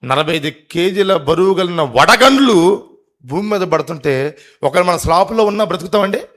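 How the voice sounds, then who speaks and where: A man preaching a live sermon to a congregation, questioning the crowd, urging loud replies and rising to emphatic, drawn-out peaks. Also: high-pitched, expressive. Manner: rises to emphatic, drawn-out climaxes. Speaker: pastor. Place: church service before a congregation.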